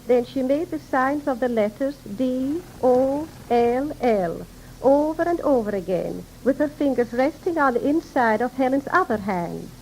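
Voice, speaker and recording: In a low-quality 1930s radio interview carrying faint noise, a high-voiced woman appears as a guest. She explains things in a formal, articulate way, animated yet unhurried, with a slightly mellow tone.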